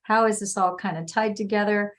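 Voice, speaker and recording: A woman's voice: mid-range voice, steady tone, brisk. A woman hosting a live online interview, chatty and upbeat. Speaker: host. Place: home in California.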